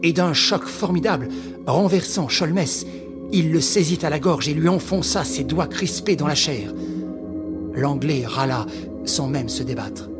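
A man narrating a classic novel aloud in a slow, measured, dramatic reading. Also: on the high side, animated, over music.

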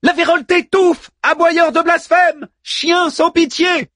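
A man voicing a small, plucky male robot sailor in an audiobook, in a high, excited and emphatic voice. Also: normal speed, no echo, clean studio sound. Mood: shouting theatrically.

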